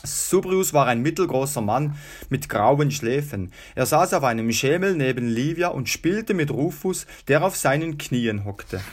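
A man narrating a children's adventure audiobook in a steady, even storytelling voice. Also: medium pitch, measured pace.

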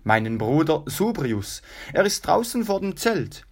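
A man voicing an anxious, cautious younger Roman brother who speaks in urgent, hushed warnings. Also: fairly high pitch, big pitch swings, a little slow, heavily acted.

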